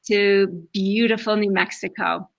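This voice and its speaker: A woman from New Jersey, a veteran teacher introducing herself at a school meeting on a video call, excited and eager. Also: medium pitch, measured pace, vocal fry, poor audio. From New Jersey, USA.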